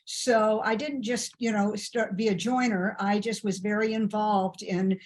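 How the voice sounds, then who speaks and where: A woman's voice: medium pitch, little pitch movement, unhurried, slight background noise. A middle-aged woman from Ohio, a guest in an interview, telling her story in a chatty way with hesitant fillers. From Ohio, USA. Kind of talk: conversational storytelling.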